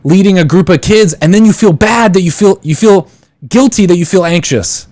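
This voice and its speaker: This podcast host, a man in his thirties, rambles through casual advice on a live call-in show, with plenty of fillers and false starts. He speaks at a moderate pace in a high voice with a darkish tone.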